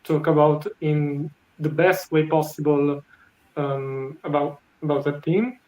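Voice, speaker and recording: A woman co-hosting an online panel speaks in a very low voice. She talks slowly and haltingly, with lots of uhs. The sound is roomy and echoey. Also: steady tone, darkish tone, dull audio. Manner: halting, with many fillers. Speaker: panel co-moderator. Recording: echoey room.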